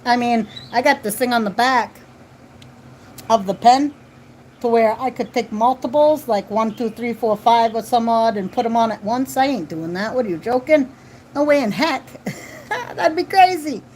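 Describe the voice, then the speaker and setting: This low-quality recording captures a woman in her forties casually talking to viewers during a home livestream, children around, with frequent repeated phrases and tag questions. Her voice is on the high side, and there's slight background noise.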